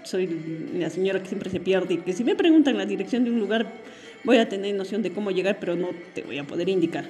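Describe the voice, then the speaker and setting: A woman's voice: mid-range voice, expressive, quick pace, darkish tone, faint music behind. A woman telling a personal story as a podcast host, in an earnest, emotional way. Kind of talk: personal monologue.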